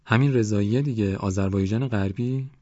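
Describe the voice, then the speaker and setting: Man voicing a polite young village man, hesitant, deferential, low husky voice. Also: a little mellow, no room sound, muffled recording, lightly acted.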